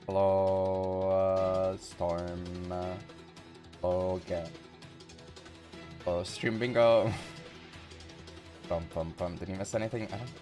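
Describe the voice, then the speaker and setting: A man's voice: low voice, level tone, slow, pauses often, music in the background. A man streaming live, chatting casually and playfully with viewers in a rambling way.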